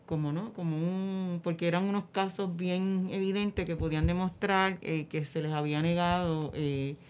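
A woman explaining things in an interview, haltingly and searching for words. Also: fairly low pitch, fairly even intonation, a little mellow, muffled recording.

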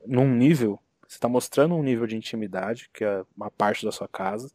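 Man with a mellow, dry voice. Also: on the low side, brisk, no echo. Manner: relaxed, talky, with frequent "né". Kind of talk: casual conversation.

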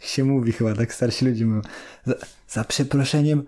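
A man co-hosting a loose, casual podcast. He argues heatedly with his partner and swears freely. His voice sits at a middle pitch. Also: steady tone, a little fast, dark tone. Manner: heated, swears, then laughs. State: irritated. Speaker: podcast co-host.

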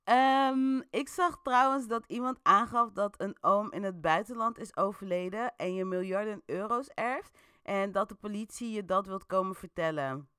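Chatty woman with a bright, dry voice. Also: medium pitch, moderate pace, clean tone, no room sound. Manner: chatty, playful, many fillers. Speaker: interactive story host. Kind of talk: casual storytelling with audience votes.

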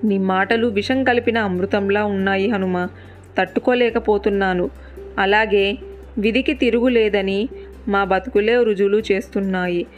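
A woman's voice: medium pitch, fairly even intonation, moderate pace, highs cut off, faint music behind, natural voice. A woman narrator voicing a grieving captive queen, devoted and resolute, in a sorrowful yet firm way.

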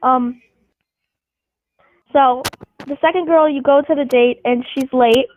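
A woman's voice: sits high, fairly even intonation, takes it slowly, slight background noise. A woman in casual chat, running a made-up game, rambling with lots of restarts and giggles. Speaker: game host posing scenarios. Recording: tinny phone-like dry sound.

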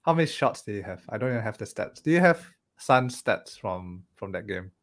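A man's voice: on the low side, lively intonation, a little fast, a bit bright. A man co-hosting a casual fantasy football podcast, thoughtful and hesitant, often checking with "right?". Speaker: podcast co-host. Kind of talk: casual chat.

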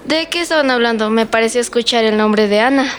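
A woman playing a sharp-tongued, clever schoolgirl in an amateur role-play drama, answering back with sarcasm. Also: a little high, fast, close to an everyday voice. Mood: sarcastic. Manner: sarcastic, retorting.

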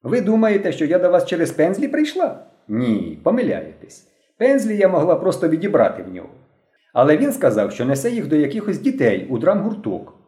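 A man voicing a stern but cheerful seventeen-year-old girl who leads young pioneers, in a brisk, commanding way. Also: on the high side, huge pitch swings, dark tone, pitched above the performer's own voice. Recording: roomy echo.

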